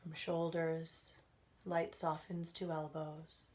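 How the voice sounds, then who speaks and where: Here a meditation instructor, a woman with a low-pitched voice and flat delivery, leads listeners into relaxation. Gentle and soothing, she lets each unhurried phrase settle before a pause.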